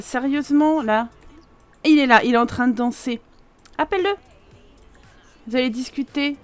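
A young woman giving chatty, excitable commentary while playing a life simulation game, laughing often and exclaiming. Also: high voice. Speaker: gaming video host. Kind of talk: casual Let's Play commentary.

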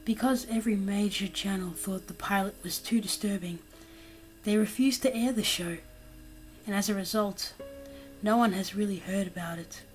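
A woman narrating a creepypasta horror story in a steady reading voice, going quiet and slow for the grim parts. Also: medium pitch, rough recording. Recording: narration over loud background music.

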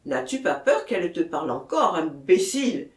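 A woman reading an audiobook, voicing a skeptical doctor who talks in a sharp, incredulous way. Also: a little high, very animated, normal speed, far from the mic. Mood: scornful. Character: skeptical, scornful male doctor. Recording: echoey room.

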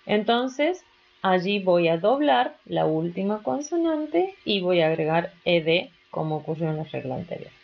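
A woman's voice: on the low side, sing-song, creaky, lo-fi sound. A woman teaching an English grammar lesson, explaining rules step by step and checking in with students. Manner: slow, patient explaining with rising questions to students.

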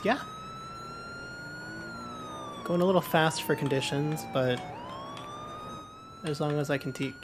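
A man narrates his police role-play game casually, dropping into police radio call-ins. His pitch swings widely, and sirens and clear noise sit behind his voice. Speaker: game streamer playing a police officer. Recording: noisy gameplay audio with sirens behind.

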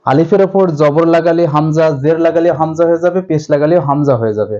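A man teaching a step-by-step recitation lesson to viewers, drilling syllables slowly with much repetition. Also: fairly high pitch, warm tone, dull audio. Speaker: Quran reading teacher.

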